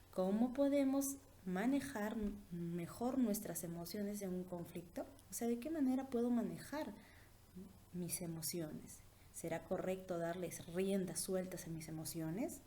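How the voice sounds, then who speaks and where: Woman teacher, mellow tone, lively questioning delivery, faint room noise. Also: mid-range voice. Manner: rhetorical questions with tag "¿no?"; lively rising and falling emphasis. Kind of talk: online class lesson.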